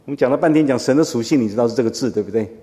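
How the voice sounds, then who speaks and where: A male pastor preaches a sermon in a conversational, teaching style, often posing rhetorical questions to his listeners. His voice is medium-pitched and mellow, and he speaks very fast, with long hall reverb on the recording.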